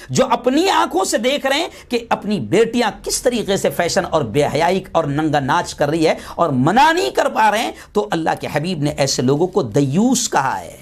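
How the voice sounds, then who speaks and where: An impassioned male preacher with a high, ringing voice delivers a fiery sermon. He repeats phrases for force and climbs into shouted exhortations, with a lilt.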